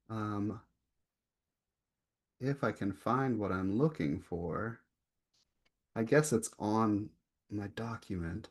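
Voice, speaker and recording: Man reading poems at an online event. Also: mid-range voice. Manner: slow, deliberate reading with rising emphasis on repeated lines; chatty, filler-heavy asides between poems. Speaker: poet reading his work. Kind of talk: poetry reading with casual asides.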